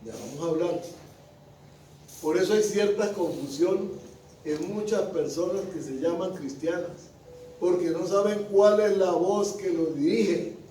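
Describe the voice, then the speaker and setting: A man preaches a sermon in a high, mellow voice, drawing the congregation in with questions. The sound comes from a distance in a roomy, echoing space with faint background noise. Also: unhurried. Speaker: pastor. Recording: echoey room with the mic at a distance.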